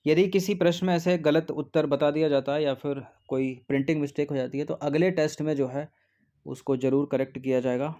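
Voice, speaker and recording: Guy going over exam answers, kinda high but mellow voice, patient, says okay a lot. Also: fairly even intonation, fairly quick. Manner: patient, repeats "theek hai" often. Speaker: exam prep teacher. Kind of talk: explaining test answers.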